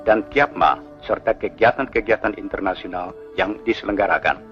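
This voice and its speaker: A man from Indonesia reading an official statement in the formal, solemn, measured style of an old 1960s radio news bulletin, like a newsreel announcer. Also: on the low side. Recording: muffled 1960s archival radio broadcast, music behind.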